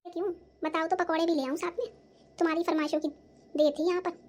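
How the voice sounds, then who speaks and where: A defiant young daughter-in-law in a cartoon who talks back and complains about her in-laws, voiced by a woman. Her voice is high. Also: steady tone, fast talker. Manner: defensive, answering back. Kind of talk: cartoon voice acting.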